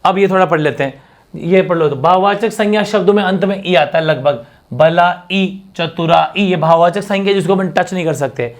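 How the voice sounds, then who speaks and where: A man teaching a fast exam-prep grammar lesson, drilling examples and asking rhetorical questions. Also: sits high.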